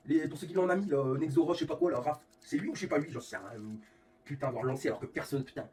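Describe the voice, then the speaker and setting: A man's voice: fairly high pitch, distant mic, slight background noise. A man from France, a streamer and league organizer sick with a fever, ranting angrily and swearing constantly. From northern France. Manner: fuming, swearing constantly, rapid and animated. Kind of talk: angry live-stream rant. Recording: faint room ambience, off-mic.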